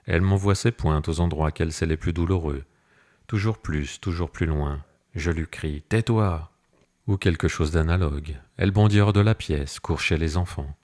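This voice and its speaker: Deep-voiced man reading a novel. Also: normal speed, darkish tone. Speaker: audiobook narrator. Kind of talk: scripted literary narration.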